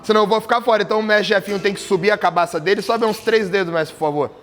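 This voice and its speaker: High-voiced man teaching a group. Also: racing, fairly bright tone. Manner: asks the group questions, joking. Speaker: capoeira teacher. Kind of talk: workshop teaching. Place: group class with berimbaus.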